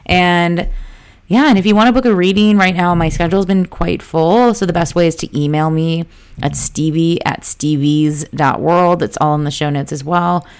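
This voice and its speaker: Woman, deep and fry-edged, easygoing solo podcast host, close mic, chatty and casual. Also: moderate pace. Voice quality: vocal fry. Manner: chatty, loose and informal, with frequent fillers and asides.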